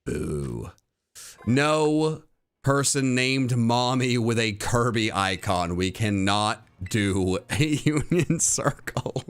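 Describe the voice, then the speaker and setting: A man's voice: medium pitch, slow, smooth. A man live streaming a game, teasing his chat with mock outrage and repeating himself. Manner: repeats phrases, sing-song muttering.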